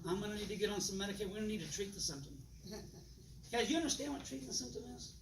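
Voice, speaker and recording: A folksy, animated man works a live audience, slipping into different voices as he acts out back-and-forth dialogues. He sounds far from the mic in an echoey room, with loud noise underneath. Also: sits high, rapid-fire. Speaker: presenter demonstrating water machines. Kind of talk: live sales demonstration to an audience.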